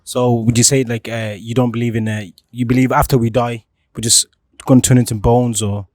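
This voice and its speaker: Male street interviewer, casual and quick, average pitch, dry close sound. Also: level tone, darkish tone, dry recording.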